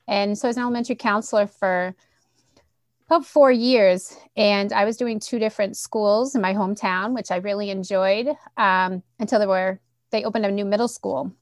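A woman's voice: mid-range voice, fairly even intonation, normal speed, no echo, clean studio sound. A middle-aged woman from Massachusetts, a guest in a podcast interview, talking in a friendly, chatty way about her career. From Central Massachusetts. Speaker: guest, education coordinator.

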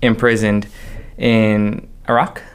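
A young man co-hosting a casual faith discussion, talking earnestly and slowing down to stress key phrases. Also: fairly low pitch, flat delivery, clear, resonant tone. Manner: earnest, builds emphasis with slow stressed phrases. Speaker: podcast co-host.

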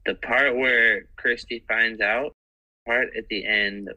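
A man chatting casually as a podcast guest, animated and rambling, full of squeamish exclamations. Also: medium pitch, takes it slowly, rough recording. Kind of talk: casual chat.

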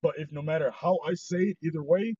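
Husky man ranting with heavy swearing. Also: a little high, quick pace, dark tone, no echo. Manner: heated, swears heavily, ranting. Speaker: podcast host. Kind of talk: blunt, profane casual chat. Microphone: voice chat mic. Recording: dull lo-fi online voice call.

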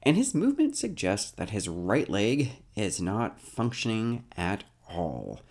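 A man's voice: lowish voice, huge pitch swings, measured pace, a little mellow. A man casually recapping a TV episode, dropping wry asides and jokes.

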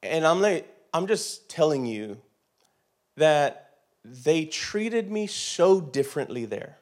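Animated man telling a story. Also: fairly high pitch, takes it slowly. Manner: animated, emphatic, swings between loud and hushed.

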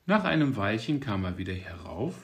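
A man narrating a fairy tale in a lively, expressive way. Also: lowish voice, moderate pace, vocal fry.

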